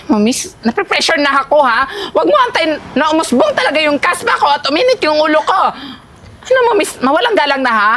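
Indignant high-voiced homeowner. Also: female voice, very animated, quick pace, fairly bright tone, a little hiss or hum. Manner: dramatic, exasperated, defensive. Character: indignant homeowner accused of being a mistress. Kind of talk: short film acting.

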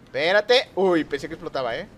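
Excitable young man commenting on gameplay. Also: fairly high pitch, a little fast. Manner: excitable, talks to viewers and rivals, trash-talks. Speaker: gaming youtuber.

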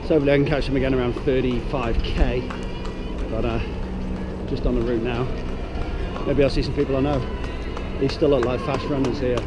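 A man's voice: medium pitch, fairly even intonation, fairly quick, loud music behind the voice. A man in his thirties talking casually to a camera held at arm's length while out on city streets. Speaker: vlogger. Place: outdoors on busy city streets. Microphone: action camera at arm's length. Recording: noisy outdoor city street, traffic.

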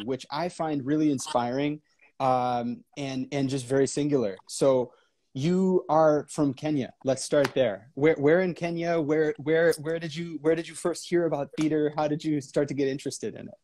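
A man in his thirties, a composer, interviewing a guest over a video call from home, joking and quick to laugh. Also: a little high, slight background noise. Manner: jokey, quick to laugh, asks warm questions. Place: home room. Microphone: laptop webcam on video call.

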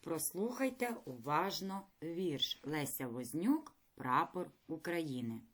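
Woman teacher, low voice with lively pitch, unhurried classroom delivery to young pupils. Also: a little hiss or hum. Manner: slow, clear classroom explaining with lively intonation; addresses pupils directly with praise and questions. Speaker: primary school teacher. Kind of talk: recorded reading lesson for fourth graders.

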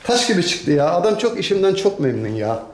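A man from Turkey, a general contractor, chatting casually in a vlog from a house he is renovating, grumbling and swinging from tired sighs to loud rants. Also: sits high, big pitch swings, fairly quick, roomy sound. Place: house under renovation, indoors.

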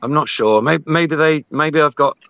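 A man's voice: on the high side, moderate pace, creaky, a bit bright, no room sound, lo-fi sound. A man joining a casual chat, talking hesitantly with stammered restarts.

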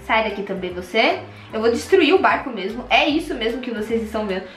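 A young Brazilian woman with a Brazilian Portuguese accent, hosting an excitable Minecraft let's play and gasping at every find. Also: a little high, fast talker, echoey room, faint music behind. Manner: excitable, gasping, squealing at finds. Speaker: gaming channel host.

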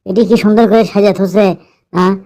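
A man's voice: high-pitched, steady tone, brisk, dark tone. A man with a northern Bangladeshi Bogura accent voicing a bumbling, greedy young army recruit in a comedy dub, whining and muttering to himself. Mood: scheming. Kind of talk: comedy dubbing in dialect.

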